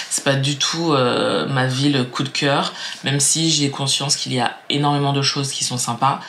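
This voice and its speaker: A woman's voice: very deep voice, vocal fry, a bit bright, a little hiss or hum. A young woman from Martinique talking to camera in a casual, reflective vlog, chatty and musing, with many fillers and repeated words. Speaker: vlogger.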